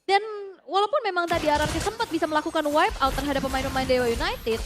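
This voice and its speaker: An animated woman with an Indonesian accent giving chatty, exclamatory live esports commentary and analysis. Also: high voice, fast talker. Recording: music behind the voice. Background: music.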